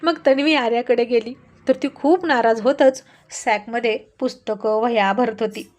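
A woman narrating a family love story in an expressive read-aloud manner. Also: on the high side, moderate pace.

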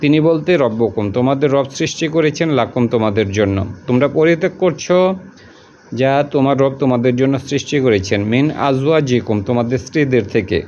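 A man's voice: medium pitch, lively intonation, normal speed, a little mellow, slight background noise. A patient male teacher, lo-fi recording. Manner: repeats each word and its meaning patiently, colloquial. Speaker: Quran translation teacher. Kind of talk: word-by-word translation lesson.

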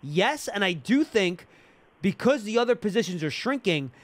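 A sports talk show host explains things emphatically during a live broadcast, speaking into a close mic on a boom arm in a small indoor studio. His voice is high-pitched, swinging widely in pitch, at a moderate pace.

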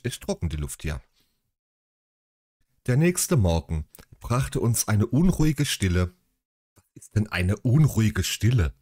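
A man's voice: on the low side, big pitch swings, unhurried, long pauses, warm tone, no echo, clean studio sound. A man reading a bedtime story aloud and breaking off into chatty, sarcastic asides.

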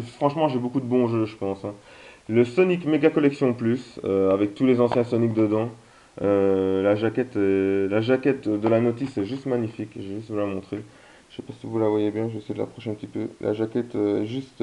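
A man chats through his video game finds in a relaxed, hesitant way, filling his pauses with "euh". His voice is dark and mellow. The recording sounds a little dull and lo-fi. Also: medium pitch. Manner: hesitant, many fillers. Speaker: video game collector vlogger. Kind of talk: casual haul vlog.

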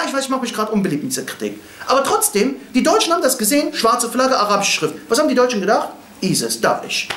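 A man's voice: very high-pitched, a bit bright. Impassioned man lecturing in an echoey hall. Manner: blunt, impassioned, asks rhetorical questions. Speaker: religious lecturer. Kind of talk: religious lecture with storytelling.

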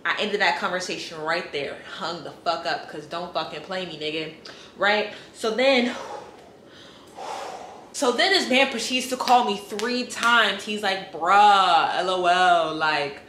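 A woman's voice: mid-range voice, steady tone, unhurried, pushed and bright. A woman in her twenties talking to the camera in a casual vlog, blunt and ranting, swearing freely. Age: 20s. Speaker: vlogger. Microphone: compact vlog camera mic. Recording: echoey room, faint background noise.

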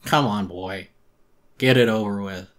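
A man's voice: fairly low pitch, measured pace, a bit bright. A man voicing a weary, wounded raccoon jailer who speaks in a tired, resigned way, muffled and in pain. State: in pain, breathing heavily.

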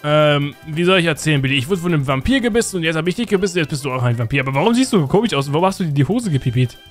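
A man hosting a Minecraft role-play let's play, talking excitedly and constantly to his viewers. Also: fairly high pitch, very fast, faint music behind. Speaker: host.

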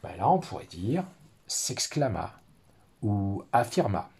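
Husky-voiced male teacher explaining. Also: fairly low pitch, sing-song, slow, a little mellow. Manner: friendly, explanatory, with fillers. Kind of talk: recorded lesson for pupils.

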